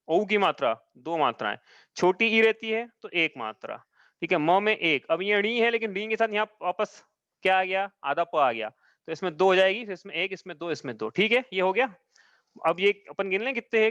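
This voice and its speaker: High-voiced man teaching an online class. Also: a bit bright, dry recording. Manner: patient step-by-step explaining, often checks "okay?". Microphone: video call. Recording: dull dry online-call audio.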